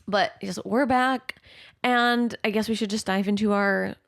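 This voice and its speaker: A woman in her thirties from Michigan, co-hosting a casual podcast at her sister's home, animated and giggly, acting out little quotes. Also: medium pitch, a little slow, creaky. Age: 30s. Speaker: podcast co-host. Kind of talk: casual chat.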